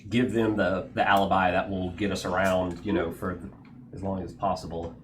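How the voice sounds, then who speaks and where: A man's voice: low voice, little pitch movement, moderate pace, a little hiss or hum. A man playing a tabletop game, thinking out plans aloud with many restarts. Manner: hesitant, restarts, planning aloud. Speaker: player.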